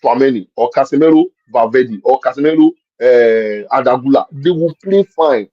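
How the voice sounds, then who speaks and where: A man's voice: medium pitch, normal speed, dry recording, dull audio. A man talking football in a casual match-review chat. He makes his points with force, repeats them, and explains with examples. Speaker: football pundit.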